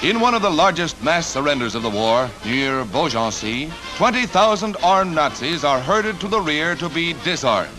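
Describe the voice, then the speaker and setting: A man's voice: on the high side, sing-song, moderate pace, hardly any pauses, poor audio. A man narrating a 1940s newsreel with a punchy announcer delivery and wry quips. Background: music score.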